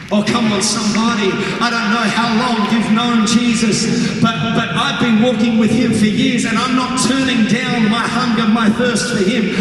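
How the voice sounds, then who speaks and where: Booming high-pitched male preacher in echoing arena. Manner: booming motivational delivery, often shouting, working up the crowd; playful, joking with the audience. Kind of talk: animated live sermon to a large crowd. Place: large live event venue with crowd. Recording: echoey arena PA, distant, noisy crowd.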